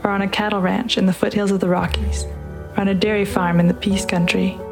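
Measured woman narrating over music. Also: mid-range voice, flat delivery, creaky. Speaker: podcast host and reader. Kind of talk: read-aloud narration and program introduction. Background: music underneath.

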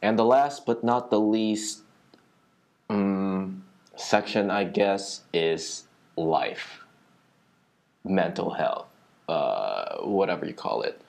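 A man's voice: low-pitched, expressive, slow pace, vocal fry, pauses often, a little mellow. A young man hosting a solo podcast from a small library conference room, chatting casually in a rambling, slangy, swearing style.

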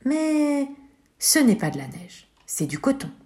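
Woman reading gentle patient stranger, mellow, storybook. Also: high-pitched, very animated, a little slow, pitched above the performer's own voice. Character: kindly grown man, a patient stranger.

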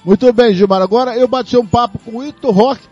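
A Brazilian man hosting a sports radio show in a lively presenting style, repeating cue words for emphasis. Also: very high-pitched, quick pace, breathy edge, muffled recording, soft background music.

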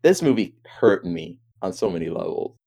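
A man's voice: deep voice, normal speed, creaky, slightly rough. Man ranting animatedly in casual chat. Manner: animated, exasperated storytelling with acted-out reactions.

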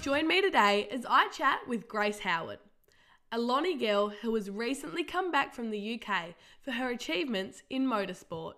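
An Australian woman hosts a relaxed, informal interview in a slightly high voice. She speaks conversationally and uses everyday slang as she puts questions to her guest. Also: moderate pace, faint music behind. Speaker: podcast host, interviewer. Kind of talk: casual interview hosting.

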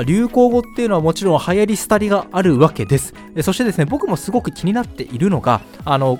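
A man talks through the news in a relaxed, chatty explainer, leaning on fillers as he goes. His voice sits a little high and moves in a very animated way. Faint music plays underneath. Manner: lively, conversational with many fillers. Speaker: news commentator.

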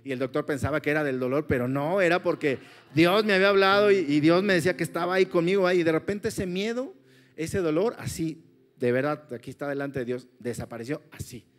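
A man's voice: fairly high pitch, a little fast. A man preaching a sermon and telling his own story in an earnest way, with frequent restarts and tag questions. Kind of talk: sermon with personal testimony.

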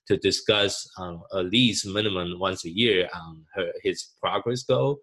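Man, Taiwanese accent, very low voice, halting, many restarts. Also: bright, forceful tone. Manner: halting, frequent restarts and fillers. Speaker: guest, parent. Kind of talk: casual interview answers.

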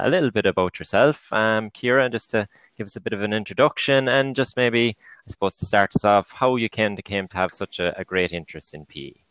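A man's voice: low-pitched, a bit bright, clear, resonant tone, no room sound. A man with an Irish accent introducing a podcast and its guest as co-host. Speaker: podcast co-host, primary school teacher.

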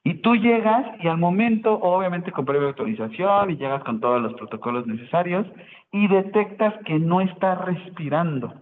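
High-voiced man presenting in class. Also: animated, normal speed. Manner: explanatory, asks rhetorical questions, self-correcting. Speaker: nursing student presenting. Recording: tinny phone-line sound in echoey hall.

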